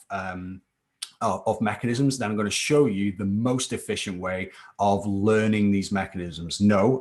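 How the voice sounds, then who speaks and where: Man, low voice, chemistry tutor, live online class, chatty. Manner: chatty, keeps adding "okay?" to check in. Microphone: computer mic for a live stream.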